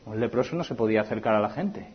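A man with a Spain Spanish accent preaching a sermon, swinging from loud emphasis to hushed near-whispers. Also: fairly low pitch, expressive, quick pace, slightly rough, dull audio.

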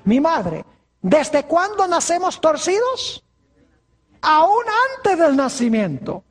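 A preacher giving a sermon, asking rhetorical questions and answering them, stretching key words slowly. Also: sits high, very animated.

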